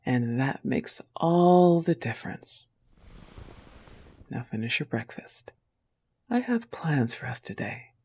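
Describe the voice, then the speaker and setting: A young woman voices an affectionate, possessive, teasing wolf-girl girlfriend in intimate roleplay audio, tender and often breathy. Her character voice is very deep, mellow and full, and the mood is possessive and cozy.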